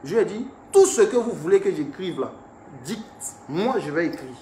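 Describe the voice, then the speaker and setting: Man, musician from Ivory Coast, animated storytelling, fairly high voice, echoey room with some noise. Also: moderate pace. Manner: animated storyteller, laughs while recounting. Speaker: musician interviewee. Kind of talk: casual recounting interview.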